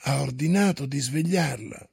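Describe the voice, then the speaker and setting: A man voicing a stubborn, grumbling old manservant who keeps nagging and coaxing his master, in a husky, creaky voice. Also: mid-range voice, normal speed, a little mellow, exaggerated voice.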